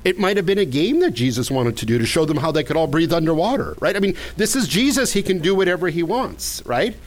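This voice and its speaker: A man's voice: on the high side, very animated, fast talker, poor audio. A man preaching a sermon as pastor, earnest, often stumbling and repeating the first words of his sentences.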